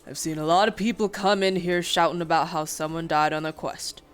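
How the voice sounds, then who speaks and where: A woman's voice: on the low side, fairly even intonation, fairly quick, smooth, faint music behind, natural voice. A woman voicing a blunt, irritable tavern keeper, reading his lines aloud from a story. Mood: stern. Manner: snappy and blunt.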